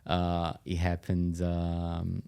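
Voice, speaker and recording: A company CEO appears as a podcast guest, explaining things in a very low voice full of fry. His conversational delivery is halting, with a narrow, fairly even melody, and the recording is dry.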